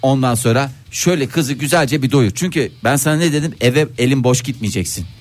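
A man's voice: mid-range voice, brisk, faint music behind. A man co-hosting a casual comedic chat in a studio, handing out playful, mock-serious advice. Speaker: podcast co-host. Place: studio with a window. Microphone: studio microphone.

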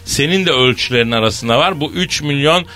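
Bright-voiced joking male radio host. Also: mid-range voice, brisk, soft background music. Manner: jokey storyteller, spins long anecdotes. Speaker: radio morning show host. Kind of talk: casual comic banter on radio.

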